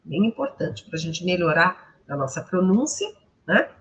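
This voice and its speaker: A Brazilian woman with a Brazilian Portuguese accent, teaching English pronunciation in an online lesson and repeating words slowly for her students to copy. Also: on the low side, very animated, highs cut off, a little hiss or hum.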